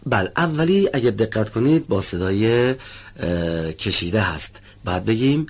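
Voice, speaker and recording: A man's voice: fairly low pitch, animated, breathy edge. A man teaching pronunciation in a studio lesson, patiently explaining sounds and calling on students one by one.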